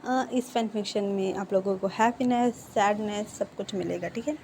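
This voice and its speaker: A woman's voice: medium pitch, normal speed, vocal fry, darkish tone, a little hiss or hum. A woman retelling a fan story in a casual, chatty way, with many fillers and self-corrections.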